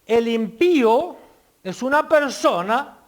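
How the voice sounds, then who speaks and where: A man pastor preaching a sermon, explaining his word choices and swinging between loud emphatic phrases and soft asides. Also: extremely high pitch, animated, takes it slowly.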